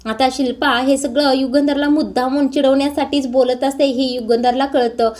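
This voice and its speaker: A woman narrating a casual recap of a TV serial episode in a steady storytelling manner, as a home voice-over. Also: sits high, moderate pace. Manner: steady storytelling with frequent "now, here" links.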